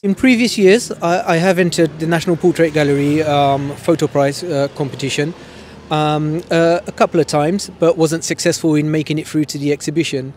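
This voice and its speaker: A man in his forties with an East London accent touched by Sylheti Bengali speaks haltingly in an interview, full of fillers, and mixes his languages freely. His voice sits a little high for a man. A faint hiss of background noise runs under him. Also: a little mellow. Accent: East London English with Sylheti Bengali. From Bangladesh. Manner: hesitant, many ums, switches between English and Sylheti. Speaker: photographer. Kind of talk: news interview.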